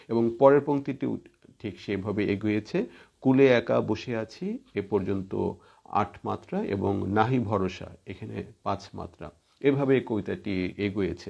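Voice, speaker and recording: A middle-aged man explains a poem's form to his students in a measured lecture, stopping often on a drawn-out "ah". His voice sits low and carries a gravelly rasp. The recording sounds dull and lo-fi. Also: darkish tone. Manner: explanatory, many drawn-out "ah" fillers. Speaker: college Bengali teacher.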